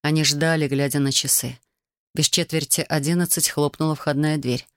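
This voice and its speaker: A woman reads a novel aloud in a steady, even storytelling voice. Her pitch sits low and the recording is dry and close, with no room sound. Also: normal speed, no echo. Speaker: audiobook narrator. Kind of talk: scripted narration.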